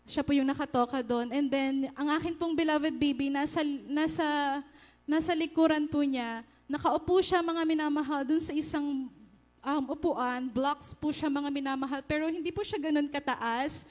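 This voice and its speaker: A woman speaks earnestly before her congregation, sharing a church testimony in a high voice. Her pitch stays fairly level as she addresses the listeners again and again. Her words ring out with a long reverb, as in a large church hall. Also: darkish tone. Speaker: church member giving testimony.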